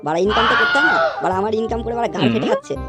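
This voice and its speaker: A woman voicing a crude, hot-tempered father in a cartoon, who swears constantly and yells threats at his son. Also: on the high side, wildly swooping pitch, racing, over loud music. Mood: furious. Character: crude hot-tempered middle-aged father, foul-mouthed. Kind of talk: cartoon voice acting.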